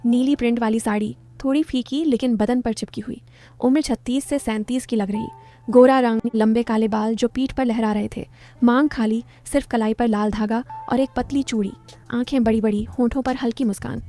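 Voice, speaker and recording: Mellow-voiced woman reading a story. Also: on the high side, steady tone, normal speed, faint music behind. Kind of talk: scripted story narration.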